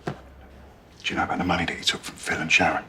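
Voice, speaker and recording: An actor as a deep-voiced, fast-talking police officer. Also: male voice, little pitch movement, background noise, natural voice. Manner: blunt, matter-of-fact. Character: blunt police officer, fatherly to a suspect.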